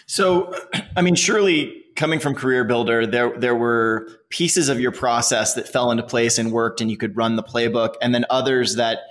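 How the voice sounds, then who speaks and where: A man hosts an interview and asks conversational follow-up questions. His pitch is in the ordinary middle range, and he draws the guest out with probing prompts. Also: fairly even intonation, moderate pace, a bit bright, a little hiss or hum. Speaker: podcast host, interviewer.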